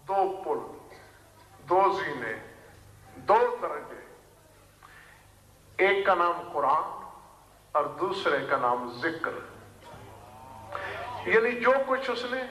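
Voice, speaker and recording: A man delivers a sermon in a high, ringing voice, building his points through lists and repetition. His bright tone carries into a roomy hall that lingers with a long reverb. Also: a little hiss or hum. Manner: measured, rhetorical lecturing with lists and repetition. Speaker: religious speaker.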